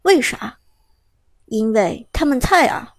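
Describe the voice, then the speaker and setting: A woman's voice: fairly high pitch, expressive, slow pace, creaky, heavily acted. A woman voicing a cold, arrogant young male college gaming star who talks down to his rivals. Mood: haughty. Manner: cool and arrogant.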